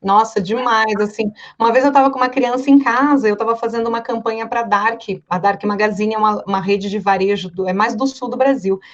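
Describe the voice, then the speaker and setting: A woman from Brazil, a voice-over artist, chatting casually and telling stories with lively quoted voices. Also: fairly high pitch, a little fast, few pauses, highs cut off. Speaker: voice-over artist and director, guest. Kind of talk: casual podcast chat.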